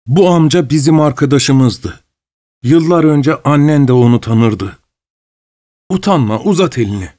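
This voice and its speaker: A man voicing an excitable, fawning middle-aged husband who talks with ingratiating emotion, in an audiobook. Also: medium pitch, measured pace, pitched above the performer's own voice, natural voice. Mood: excited, fawning.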